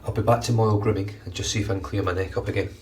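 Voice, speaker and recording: Racing through his words in a fairly low, blocked-up, nasal voice, a man in his thirties gives casual how-to commentary as he shaves for his grooming vlog. He sounds relaxed and chatty, swearing casually. The mic is distant: a phone front camera held at arm's length in a small, bright bathroom at home.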